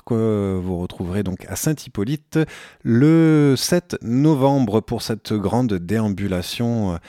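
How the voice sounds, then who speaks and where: A man hosting local radio, reading out an events agenda in a relaxed way with frequent fillers and small self-corrections. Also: medium pitch, no echo, clean studio sound.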